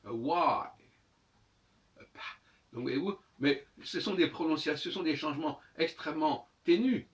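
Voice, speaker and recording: A man's voice: on the high side, moderate pace. A man giving a spoken monologue lesson, teaching by repeating words over and over to sound them out. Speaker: lecturer on language and astrology. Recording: dull audio from a distant mic.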